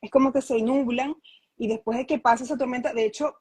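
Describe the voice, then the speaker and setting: Woman, a touch high and breathy, earnest explainer, close dry sound. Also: steady tone, quick pace, darkish tone, no room sound, rough recording. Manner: earnest, explanatory, frequent restarts and rhetorical questions. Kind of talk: conversational interview.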